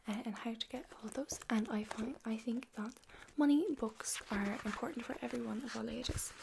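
A young adult woman in a whispered role-play as a chatty librarian, talking in a soft library whisper. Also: on the high side. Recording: clear background noise.

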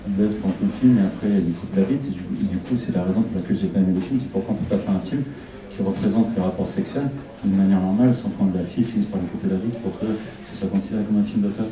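Before an audience in a small shop's event room, a middle-aged film director from Argentina, a native Spanish speaker, answers questions through a handheld mic, frequently repeating words as he thinks. He talks quickly in a low voice, with a crowd audible behind him. The recording is roomy, taken by a camera some distance away.

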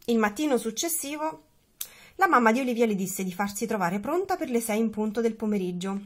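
Expressive woman reading a picture book. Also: on the high side, fairly quick. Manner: expressive, animated. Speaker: reader. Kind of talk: storybook reading aloud.

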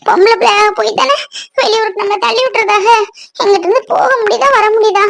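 A woman's voice: extremely high pitch, brisk, fairly bright tone. A woman voicing a tearful, stubborn young married woman in a cartoon who sobs and argues. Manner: sobbing, pleading, accusing.

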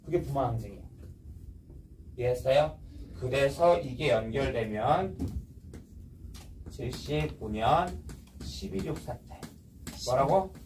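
A man's voice: mid-range voice, animated, slow pace, long pauses, darkish tone, far from the mic, a little hiss or hum, low-quality recording. Blunt man teaching with quiz questions. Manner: blunt, slangy, quizzes students often. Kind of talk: casual history lecture.

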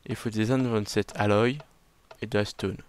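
A man's voice: fairly low pitch, fairly even intonation, measured pace, slight background noise. A man giving casual, self-mocking commentary on his own game, muttering to himself as he plays. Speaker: let's play gamer.

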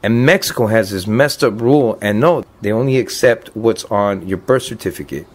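A man in his fifties, a deported veteran, talks plainly and earnestly about his life in a documentary interview. His voice sits on the low side at a normal speed, and he sounds choked up.

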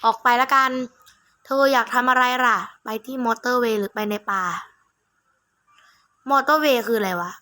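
Female gamer, fairly high and very bright voice; casual playthrough commentary, reads on-screen text, blunt, sweary, mocking. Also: normal speed, long pauses. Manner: blunt, mocking, foul-mouthed. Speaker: gamer playing through a horror game. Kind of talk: casual gameplay commentary, reading game text aloud.

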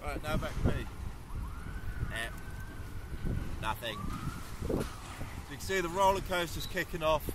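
A man's voice: on the high side, slow pace, pauses often. A young man with an English accent gives casual commentary from a kayak at sea, recorded on a camera mounted on the boat. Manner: excitable, cheering at catches. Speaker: kayak fishing vlogger. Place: on a kayak at sea beside a pier, outdoors. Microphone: action camera on the kayak. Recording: loud wind noise on an outdoor camera mic. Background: wind and waves.

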